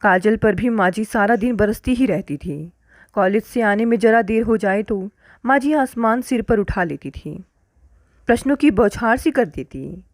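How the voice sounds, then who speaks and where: A woman narrating a family story in a steady, even scripted reading. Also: medium pitch, unhurried, no room sound.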